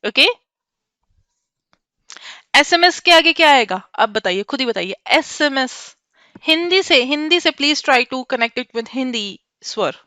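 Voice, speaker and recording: High bright-voiced Indian woman teacher. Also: lively intonation, takes it slowly, long pauses, dry recording, clean studio sound. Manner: mixes Hindi and English, quizzes students by name. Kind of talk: online class lesson.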